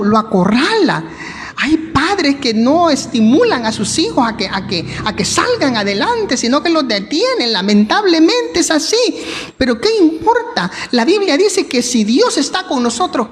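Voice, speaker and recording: Salvadoran woman preacher, high and animated, emphatic sermon delivery, reverberant church sound. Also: slight background noise. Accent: Salvadoran Spanish. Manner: slow, emphatic preaching that dramatizes quoted voices. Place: church hall. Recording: long church hall reverb.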